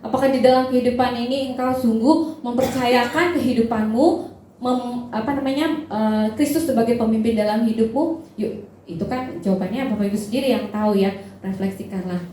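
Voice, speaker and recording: A woman's voice: fairly high pitch, fairly quick, warm tone, a little hiss or hum. A woman preaching a sermon, telling a personal story and talking directly to the congregation in a conversational way. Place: large church hall. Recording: echoey church hall.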